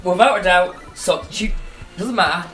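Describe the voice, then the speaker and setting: A man on a podcast telling a story in casual chat, animated and profane, laughing as he goes. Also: sits high, normal speed, faint music behind. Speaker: podcast co-host.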